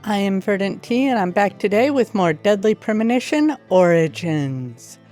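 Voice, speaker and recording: Let's play streamer chatting casually, slow and dry, mid-range voice, bit of game music behind. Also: mid-range voice, expressive, darkish tone. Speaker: host of a gaming channel.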